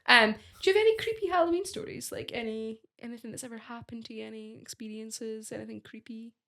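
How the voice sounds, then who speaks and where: Chatty woman co-host who leads the questions in a relaxed chat. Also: fairly high pitch, fast talker. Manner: chatty, full of "like", asks questions. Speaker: podcast co-host. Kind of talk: casual chat.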